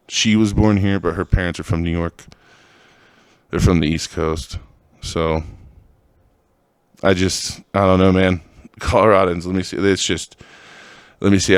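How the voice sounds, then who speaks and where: A man's voice: low-pitched, clean tone, no echo. A man from the Bay Area hosting his own podcast, ranting with heavy profanity and exasperation. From California, Bay Area. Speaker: podcast host. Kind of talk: solo podcast rant.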